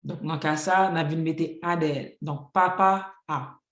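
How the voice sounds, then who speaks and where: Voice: medium pitch, fairly even intonation, unhurried, a bit bright. Teacher, patient, walks through rules with examples, lots of ok donc, roomy echo. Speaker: Haitian Creole teacher. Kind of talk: classroom grammar lesson.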